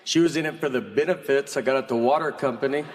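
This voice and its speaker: A man in his forties from the American South, doing a stand-up routine in a deadpan, slow, bemused storytelling manner. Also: mid-range voice, slight background noise. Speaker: stand-up comedian. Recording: live theater with audience laughter.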